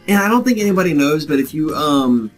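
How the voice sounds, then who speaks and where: A man's voice: fairly high pitch, animated, fast talker, soft background music. A young man giving casual gameplay commentary as co-host, explaining tips with hesitant restarts. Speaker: let's play co-host.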